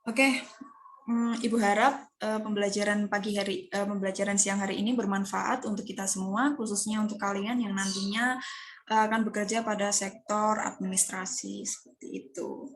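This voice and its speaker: A woman's voice: medium pitch, little pitch movement, moderate pace. A woman teaching an online class in a hesitant, encouraging way. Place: online Zoom meeting. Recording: faint noise, online video call.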